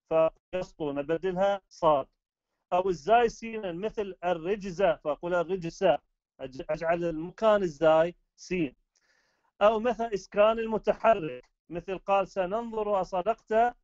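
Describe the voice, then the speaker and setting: A man's voice: high voice, darkish tone, dry recording, highs cut off. A man with an Iraqi Arabic accent lecturing on the rules of recitation, explaining step by step and answering his own rhetorical questions.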